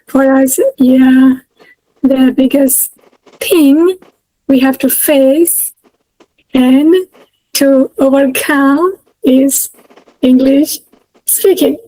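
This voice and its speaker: A Burmese-accented woman from Myanmar, in her thirties, answers interview questions as a guest over a video call, hesitating with lots of fillers and restarts. Her high, dark voice stays steady, moving extremely slowly with frequent pauses. The casual interview is recorded dry, and the audio quality is poor.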